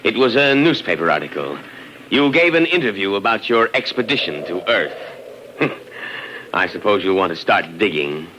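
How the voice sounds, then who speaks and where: Casting: haughty military governor of a far planet, low-pitched, forceful and scornful, in a vintage radio play with faint noise. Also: male voice, very animated, moderate pace, heavily acted. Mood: amused disdain. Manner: pompous, dismissive, lordly. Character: condescending male imperial governor, soldierly, scornful of Earthmen. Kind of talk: 1950s radio drama acting. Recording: old radio recording with faint hiss.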